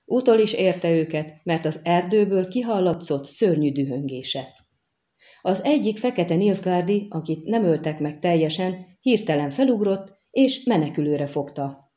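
A woman narrating a fantasy novel with steady storytelling. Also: fairly low pitch. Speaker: audiobook narrator. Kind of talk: scripted narration.

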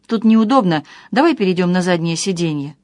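A woman's voice: on the low side, expressive, a little fast, a little mellow, dry recording, studio quality, close to an everyday voice. A woman reading the part of a headstrong young bride who speaks firmly and with indignation. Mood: indignant. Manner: indignant, firm.

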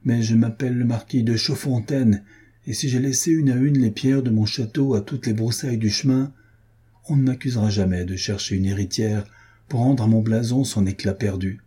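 A man voicing a proud, jesting young impoverished marquis in a classic novel reading, with a lively, declamatory manner. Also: medium pitch, moderate pace, slightly rough, lightly acted. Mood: passionate.

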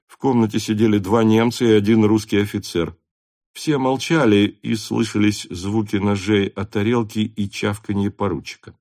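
A man narrates a classic novel as an audiobook. His voice is low and his reading is steady and measured. He keeps an even, unhurried delivery. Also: dry recording, clean studio sound.

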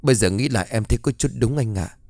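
A man's voice: medium pitch, fast, darkish tone, no room sound, natural voice. A man voicing a frightened young mother who pleads and whimpers in fear, in a dry studio audiobook reading. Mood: anxious, whispering. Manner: whimpering, begging.

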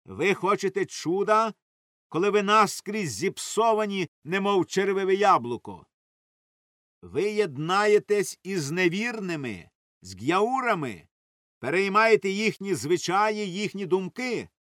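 A fiery male preacher, as a man reads him aloud, declaiming in a raised, high and lively voice that swings widely in pitch. The voice is dry, with no room sound around it. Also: a little slow, no room sound. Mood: impassioned. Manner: impassioned, declaiming.

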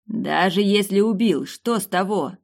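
A man's voice: high voice, moderate pace. An audiobook reader voicing a blunt male dragon noble who snaps and barks his words. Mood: gruff. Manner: gruff, snapping.

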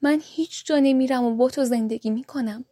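A woman's voice: high-pitched, warm tone, dry recording, studio quality. A woman reading the lines of a wise, defiant young noblewoman in a storybook, firm and outspoken. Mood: gentle.

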